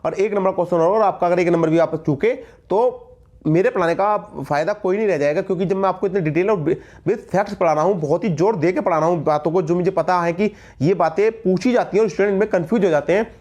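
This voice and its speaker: A man's voice: high-pitched, fast, a little mellow. A man with a Hindi accent teaching grammar for exam prep in an emphatic way, repeating key words and calling his viewers friends.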